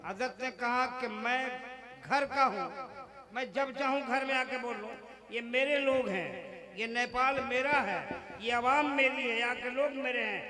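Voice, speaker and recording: High-voiced man rousing a crowd. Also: unhurried. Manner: leads crowd chants. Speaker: stage announcer at a religious gathering. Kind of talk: rousing stage introduction. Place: outdoor religious conference with crowd. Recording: crowd noise, live event PA.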